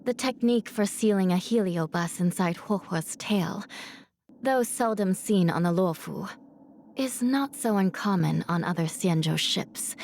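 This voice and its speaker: Hanya, a soft, weary underworld judge. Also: female voice, lowish voice, slight background noise. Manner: measured, pensive, formal. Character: gentle, weary, melancholy young woman judge of the underworld. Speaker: video game voice actor. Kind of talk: scripted game character voice lines.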